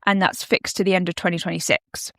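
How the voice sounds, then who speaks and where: A British woman on a podcast, explaining tax changes in a steady, step-by-step way with frequent ums. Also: lowish voice, fairly quick, vocal fry, dry recording, clean studio sound. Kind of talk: casual podcast discussion.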